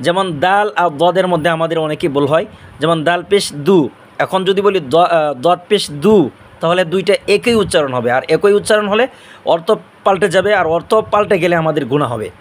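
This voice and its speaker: A man teaching pronunciation, drawing out each letter sound slowly and patiently explaining where in the mouth and throat it is made. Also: high voice. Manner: slow, drawn-out drilling of letter sounds. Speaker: Arabic teacher. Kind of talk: pronunciation lesson.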